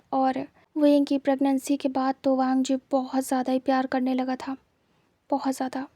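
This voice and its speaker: A woman's voice: high voice, warm tone, no echo. A woman with a Hindi accent narrating a fan fiction story, repeating herself for emphasis. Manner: repetitive, emphatic.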